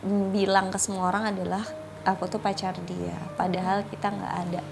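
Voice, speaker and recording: A young woman guest in a casual interview, telling a personal story in an animated way and acting out the voices of the people she quotes. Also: a little fast, vocal fry, over music. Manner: animated, acts out quoted voices with big pitch jumps.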